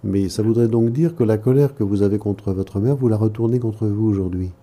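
Very dark, mellow-voiced man, low-pitched. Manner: measured, interpretive, questioning. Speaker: psychoanalyst interviewing a caller. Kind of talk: probing therapeutic conversation.

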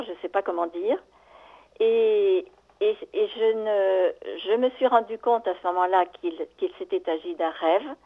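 Older woman calling in over a tinny phone. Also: mid-range voice. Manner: halting, searching for words, shaken. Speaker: radio caller. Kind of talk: recounting a dream on call-in radio. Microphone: telephone.

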